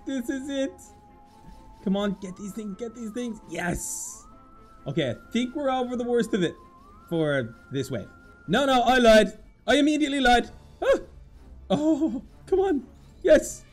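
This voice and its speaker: High-voiced excitable gamer man. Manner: animated, dramatic, self-mocking. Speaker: gaming YouTuber. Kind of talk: excited gameplay commentary.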